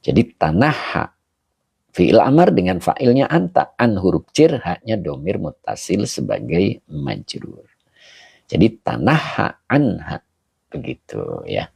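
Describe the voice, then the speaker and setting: A man's voice: low-pitched, wildly swooping pitch, slow, creaky, darkish tone, husky, dry recording. A man teaching as an Islamic scholar on a live stream, chatting and greeting viewers by name between grammar explanations. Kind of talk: live-streamed kitab study, reading comments aloud. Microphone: handheld camera he holds himself.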